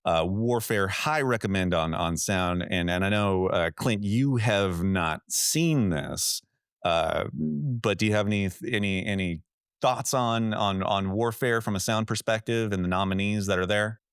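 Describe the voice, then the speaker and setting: A man's voice: on the low side, measured pace, smooth, dry recording, clean studio sound. A man co-hosting a casual film podcast. He gives blunt, opinionated takes and swears freely. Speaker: podcast co-host.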